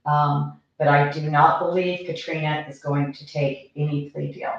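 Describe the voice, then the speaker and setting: Low-voiced woman, sounding like she's in a tube. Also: fairly even intonation, unhurried. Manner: chatty, lots of fillers. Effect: hollow, as if talking through a tube. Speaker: livestream host. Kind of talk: casual livestream commentary. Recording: very echoey, distant, dull sound.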